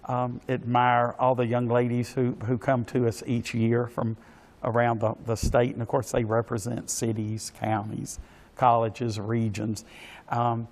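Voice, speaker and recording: A man answers as an interview guest. His pitch is average. He is courteous and formal, and hesitates often, repeating words as he searches for the next phrase. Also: a little mellow. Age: 60s. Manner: halting and hesitant, with many pauses and repeated words. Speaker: interview guest, pageant organization official. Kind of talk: polite spoken interview answers.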